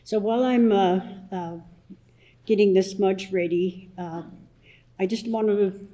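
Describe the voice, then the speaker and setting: An older woman elder from southern Alberta explaining a smudge ceremony at a public assembly, soft-spoken with many pauses and restarts. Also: medium pitch, steady tone, poor audio. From Blood Tribe, southern Alberta, Canada.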